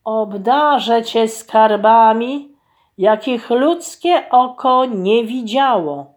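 A woman voicing an enchanted princess who was once a golden duck, speaking slowly and solemnly in a fairy tale. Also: a little high, lively intonation, darkish tone. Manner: slow, solemn, measured.

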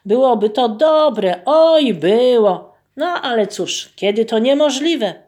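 A woman's voice: a little high, a little mellow. Woman doing a frightened peasant man. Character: frightened, rash village peasant man, middle-aged.

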